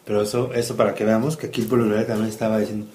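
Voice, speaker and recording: Brief: low-voiced father, bible storytelling to his kid, roomy echo, faint hiss. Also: level tone, very fast, a little mellow. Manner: storytelling, asks the child questions, acts out quotes. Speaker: father homeschooling his child. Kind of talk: bible story lesson for a child. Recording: echoey room, faint noise.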